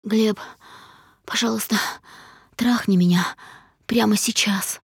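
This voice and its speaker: A woman reading a fragile, pleading young wife in an audiobook, her voice breathy. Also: medium pitch, steady tone, slow, dry recording, clean studio sound, heavily acted. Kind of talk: audiobook character voice.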